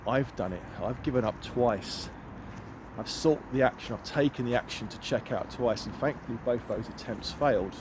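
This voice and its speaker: A middle-aged empowerment coach from the United Kingdom talks at normal speed in a mid-range voice while walking through the woods. Filming on a handheld phone, he speaks earnestly and emphatically, repeating lines for weight, with faint outdoor sounds behind him.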